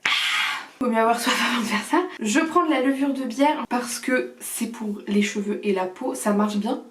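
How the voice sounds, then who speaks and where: A woman's voice: a little high, moderate pace, slight background noise. A young woman vlogging casually at home, chatting and joking through her evening skincare routine. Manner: chatty, joking, breaks into snatches of song. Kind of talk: casual vlog chat. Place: home bathroom. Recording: echoey bathroom.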